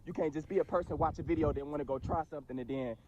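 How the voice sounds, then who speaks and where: A man rattles off slangy spiritual advice at a quick clip, his voice a bit high. The clip sounds dull and lo-fi, with loud noise under it. He is out of doors. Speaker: vlogger. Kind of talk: spiritual motivational vlog. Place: outdoors after rain.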